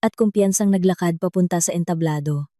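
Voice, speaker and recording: A woman narrating a drama story in a slow, even storytelling manner. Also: fairly low pitch, dry recording, clean studio sound. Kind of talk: scripted narration.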